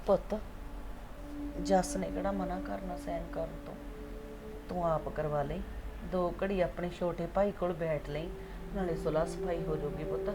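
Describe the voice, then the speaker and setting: An actress playing an older mother who talks gently and sadly to her son and daughter-in-law, with a Punjabi accent. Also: lowish voice, fairly even intonation, moderate pace, long pauses, very noisy, lightly acted. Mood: tender. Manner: gentle, sorrowful, soothing. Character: sad elderly mother, tender and resigned. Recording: music bed under dialogue.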